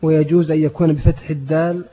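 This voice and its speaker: Flat-voiced man reading classical text. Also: a little high, quick pace, husky. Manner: steady, formal recitation. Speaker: reader of the text. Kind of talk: reading classical commentary aloud. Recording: dull lo-fi old tape.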